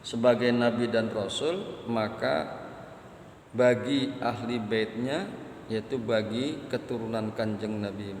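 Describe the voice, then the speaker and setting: A man delivers a sermon in an unhurried, deliberate way, repeating his phrases and chanting Arabic lines. His voice rings in a long, echoey hall with a faint hum of ambience behind it. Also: mid-range voice. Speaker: Islamic preacher.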